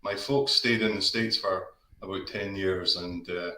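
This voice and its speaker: A man in his fifties with an Aberdeen Scottish accent joins a live stream as a guest and chats casually from his home office over a video call. His voice is low, bright and forceful, with fairly even intonation and a measured pace, and he rambles with lots of restarts and fillers. The low-quality recording sounds echoey.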